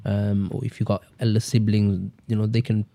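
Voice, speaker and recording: A man chatting casually as a podcast co-host, relaxed and agreeable. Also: fairly low pitch, normal speed, vocal fry. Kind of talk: casual chat.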